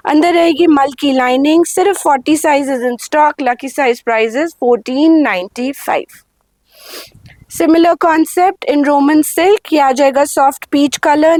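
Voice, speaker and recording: Woman, sales pitch, measured unhurried delivery, high voice. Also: no room sound. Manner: Hindi-English mix, swings between slow lingering prices and quick rundowns. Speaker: boutique sale presenter. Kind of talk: sales pitch showing garments.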